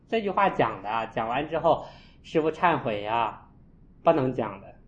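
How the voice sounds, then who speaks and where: A man, a Buddhist monk, giving a storytelling dharma talk and acting out his own scolding with sharp jumps in voice. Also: medium pitch, animated, normal speed. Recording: echoey, dull lo-fi room.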